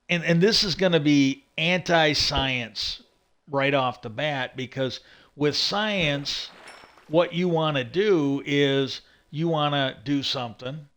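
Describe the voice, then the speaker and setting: A man's voice: medium pitch, a bit bright. A man hosting a livestream, talking casually and rambling about a topic with many restarts and asides while he plays. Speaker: livestream host.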